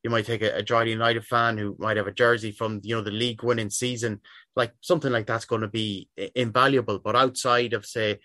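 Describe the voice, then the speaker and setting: A middle-aged man with a west of Ireland accent speaks in a fairly low voice, close and dry. He talks in a chatty, rambling way, doubling back on his phrases as an interview guest would. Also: little pitch movement, quick pace, pushed and bright, dry recording. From Sligo, west of Ireland. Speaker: interview guest, football jersey collector. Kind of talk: casual conversational interview.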